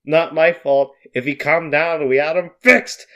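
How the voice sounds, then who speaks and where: A man's voice: on the high side, steady tone, a little slow, bright, forceful tone. Young man roasting his own script. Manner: self-mocking, swears, rambling asides. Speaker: YouTuber.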